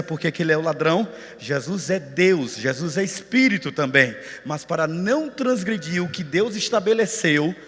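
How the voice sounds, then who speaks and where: A man with a Brazilian Portuguese accent preaching a sermon as pastor in a church auditorium, impassioned and speaking straight to his congregation. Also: a little high. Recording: echoey auditorium.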